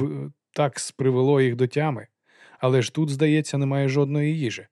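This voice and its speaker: A man narrating an audiobook in a calm, even reading voice. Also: medium pitch, no echo, studio quality.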